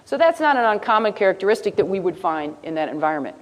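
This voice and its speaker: A woman giving a live presentation, lively and asking her audience questions as she goes. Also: mid-range voice, fast talker. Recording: long hall reverb.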